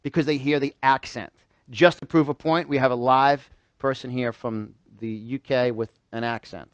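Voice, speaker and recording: A New York man runs a motivational seminar for a small live audience in an event room, speaking emphatically, repeating phrases and firing questions at his listeners. His mid-range voice is clear and resonant, with fairly even intonation and a moderate pace. The recording has no echo but sounds muffled.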